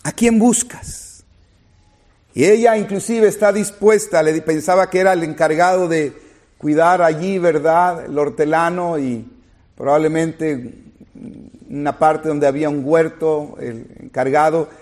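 Slow spanish-language sermon guy, kinda high voice, gets loud then goes quiet, trips on words sometimes. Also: steady tone. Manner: rises to loud, high emphatic preaching, drops low and soft. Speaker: pastor.

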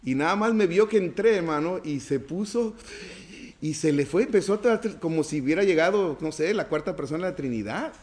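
A male pastor with a fairly high voice delivers a sermon in a conversational way. He keeps asking the congregation for agreement and builds up to emphatic passages. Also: lively intonation, fairly quick, darkish tone.

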